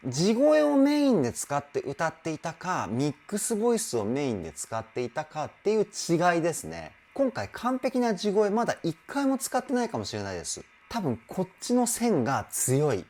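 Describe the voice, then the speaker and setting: A man working as a vocal trainer, analyzing a singer's live performance in an animated way, exclaiming and breaking off to sing short demos. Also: fairly high pitch, moderate pace, hardly any pauses. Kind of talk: song analysis commentary.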